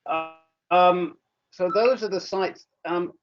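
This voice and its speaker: A man's voice: sits high, slow pace, music in the background. A man with a slightly raised voice leads a group video call and chats about resources. His internet audio is choppy and keeps breaking up. The sound is muffled and lo-fi throughout. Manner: chatty, sharing resources. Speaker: support group call moderator. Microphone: computer on video call.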